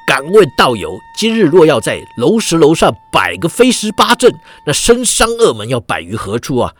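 A smug, sly scholar, as a man voices him in a storybook tale speaks lower and softer than the telling, leaning in to confide. His tone still rises and falls freely. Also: wildly swooping pitch, normal speed. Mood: showy. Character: sly male scholar bluffing expertise, smug.

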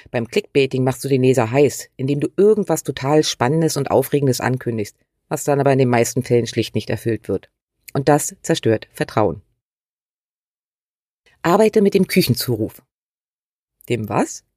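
A woman's voice: a bass voice, warm tone, no echo, studio quality. A woman hosting a scripted writing tutorial, talking straight to the viewer in a direct, instructive way. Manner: direct and instructive, uses imperatives. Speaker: writing coach and channel host.

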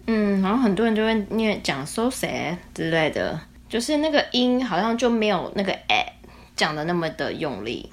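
A woman co-host chatting casually in an English lesson and repeating practice phrases slowly. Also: mid-range voice, big pitch swings. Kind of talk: casual chat in a podcast lesson.

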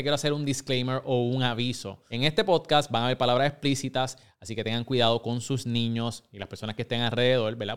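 A man hosting a podcast interview. His voice is smooth and resonant, and he sits in the middle range of pitch. He talks in a friendly, relaxed, conversational way. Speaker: podcast host. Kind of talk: casual interview.

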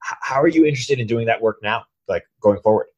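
A male interviewer puts questions to his guest at a quick clip. He keeps a plain middle pitch and a conversational tone. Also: lo-fi sound.

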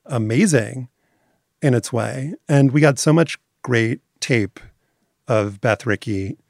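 A man interviewed about his documentary series, explaining in articulate, measured terms. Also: medium pitch, gravelly, no echo, clean studio sound. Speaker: documentary series maker as guest. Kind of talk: conversational interview.

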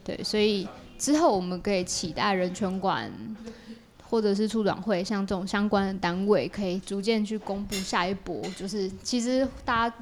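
A woman with a Taiwanese Mandarin accent appears as a podcast guest, explaining her creative work in a casual, conversational interview. Her voice is mid-range and her pace moderate.

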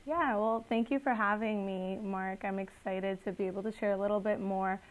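A Guatemalan-born woman in her twenties appears as a guest entrepreneur on a podcast interview, speaking earnestly and chattily with lots of fillers. Her voice is medium in pitch with fairly even intonation and a moderate pace. The audio sounds narrow and tinny.

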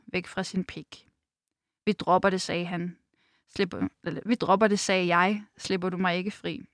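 Woman reading a novel, low and dry. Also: dry recording. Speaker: reader and book discussant.

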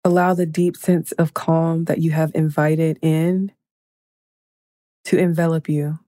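A woman leading a guided meditation in a slow, soothing, hushed manner, counting breaths and counting down. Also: low voice, little pitch movement, no echo, clean studio sound.

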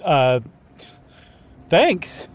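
A man's voice: a little high, very animated, drawn-out words, a little hiss or hum, pitched above the performer's own voice, heavily acted. A man voicing a young male visitor who stammers and hesitates but sounds eager to please. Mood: flustered eager.

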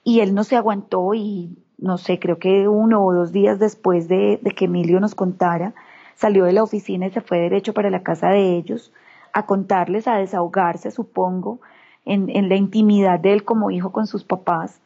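A Colombian woman with a paisa accent tells a heartfelt family story, slipping into the voices of her relatives as she goes. Her voice is mellow and warm. The recording sounds a little dull and lo-fi. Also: medium pitch, moderate pace, vocal fry. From Colombia, Antioquia region. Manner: animated, acts out quoted relatives. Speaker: interview guest, mother. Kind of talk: emotional personal storytelling.

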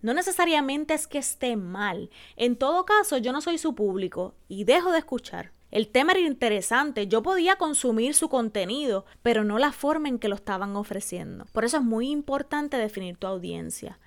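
A Puerto Rican woman hosting a solo podcast on public speaking, teaching carefully and slowing down to spell out examples. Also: fairly high pitch, lively intonation. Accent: Puerto Rican Spanish. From Puerto Rico. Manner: didactic, slows to spell out examples. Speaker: podcast host.

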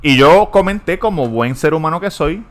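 A man's voice: a little high, lively intonation, moderate pace. Blunt, crude man. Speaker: podcast co-host. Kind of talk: casual chat.

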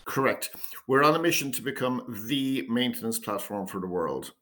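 A man of middle pitch speaks as a company founder in an interview. He explains at an even pace, now and then repeating a word as he restarts a phrase. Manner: measured pitch, repeats words when starting phrases. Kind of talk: business interview answers.

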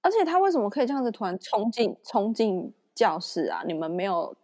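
A woman with a Taiwanese Mandarin accent, co-hosting a podcast, breaking in with quick reactions and questions. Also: medium pitch, very animated, mellow. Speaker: podcast co-host. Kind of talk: casual chat.

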